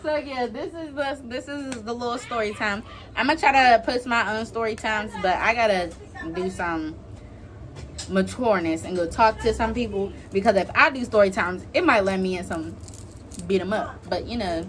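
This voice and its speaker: Speaking at a moderate pace in a medium-pitched, somewhat bright voice, a young adult woman video creator gossips casually in slang and acts out quotes from the people involved. Slight hiss or hum is present.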